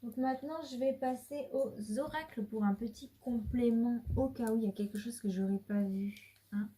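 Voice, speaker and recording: Woman, casual tarot reading, mellow tone, breathy, rambling restarts, dips into whispers. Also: on the high side, fairly even intonation, normal speed. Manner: chatty and rambling, with many restarts; drops to a whisper at times. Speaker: card reader.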